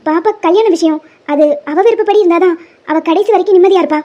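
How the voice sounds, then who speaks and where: A humble, caring housemaid, played by a woman, speaks up softly and respectfully for the family's daughter. Her cartoon voice is very high and moves along quickly. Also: muffled recording. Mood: pleading. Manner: gentle, respectful, pleading. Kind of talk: Tamil cartoon dub.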